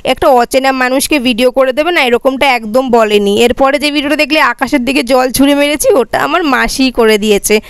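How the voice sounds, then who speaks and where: A young woman narrating her day-out vlog in a quick, chatty way. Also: high voice, clean tone, no echo. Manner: fast, chatty, says herself she talks quickly. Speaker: vlogger. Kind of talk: casual vlog voice-over narration.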